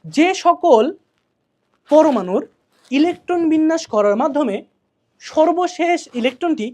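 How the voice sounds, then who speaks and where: A woman's voice: high-pitched, expressive, unhurried, a little mellow. A woman teacher gives a colloquial exam revision lesson, drilling key answers by asking questions and repeating them. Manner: colloquial, chatty.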